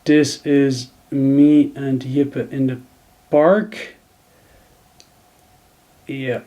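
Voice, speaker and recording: This screen-recorded tutorial features a video editing tutor in his thirties from the Netherlands, whose medium-pitched, dark voice stays level and very slow on a muffled recording. He works through an edit by thinking aloud, with frequent fillers and restarts.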